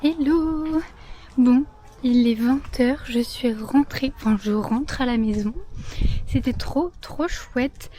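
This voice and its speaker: A woman's voice: high-pitched, takes it slowly. A young woman chatting casually to her camera in a vlog, with many fillers and repeated words. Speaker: vlogger. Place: out and about in town, café terrace.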